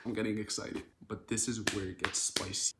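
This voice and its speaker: A young man from Canada telling an animated, dramatic storytime in a casual vlog. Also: fairly low pitch, fairly quick, reverberant, background noise. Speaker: social media creator.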